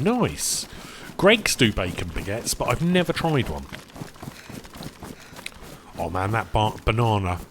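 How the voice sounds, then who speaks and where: Over a noisy background, a man with a lowish voice talks casually to viewers during a game stream. He rambles across topics, calls his chat "boys," and keeps eating as he speaks, at times with his mouth full.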